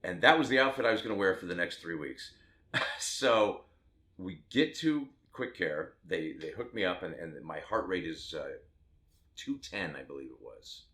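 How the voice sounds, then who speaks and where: Low-voiced candid man in his fifties. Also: animated, normal speed, sharp tone. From Las Vegas, Nevada, USA. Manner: candid, rambling, with self-mocking asides. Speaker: tattoo artist. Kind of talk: personal storytelling to camera.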